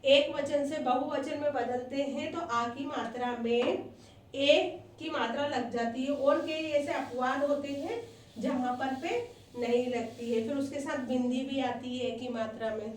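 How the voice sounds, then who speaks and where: High-voiced teacher asking children questions. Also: female voice, unhurried, a little hiss or hum. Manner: asks children questions and repeats answers. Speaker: primary school teacher. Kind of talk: classroom lesson for young children. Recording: echoey room, voice from a distance.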